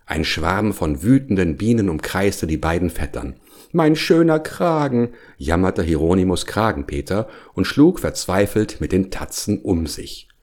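Guy with a low voice reading a kids' story, lots of up and down. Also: animated, normal speed, hardly any pauses, darkish tone. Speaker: narrator.

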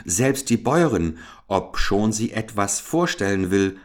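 A man's voice: on the low side, expressive, measured pace. A man voicing a poor, modest and honest young maid who answers timidly in a fairy tale reading. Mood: humble.

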